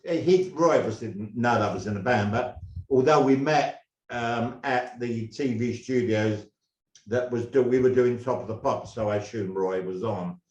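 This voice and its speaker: A man's voice: medium pitch, darkish tone, highs cut off. Man, older, from England, former drummer, rambling restarts, echoey room. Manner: rambling, halting, with many restarts. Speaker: guest, former band drummer. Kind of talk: casual interview storytelling. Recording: roomy echo.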